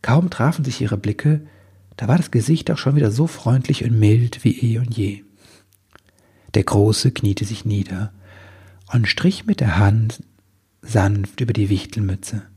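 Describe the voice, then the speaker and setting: Gravelly-voiced man reading a story. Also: fairly low pitch, unhurried, a little mellow. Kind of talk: reading a children's story aloud.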